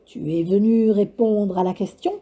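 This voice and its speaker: A woman voicing a cruel, taunting, ancient skeletal witch in a storybook reading, slow and mocking in a sing-song way. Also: mid-range voice, fairly even intonation, dark tone, lightly acted. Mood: sly.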